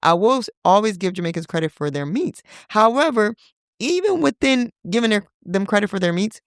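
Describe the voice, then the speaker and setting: A woman in her thirties hosting a casual solo podcast, talking in a playful, chatty way with teasing asides and sudden high-pitched exclamations. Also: big pitch swings, fairly quick, no room sound, studio quality. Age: 30s. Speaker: podcast host.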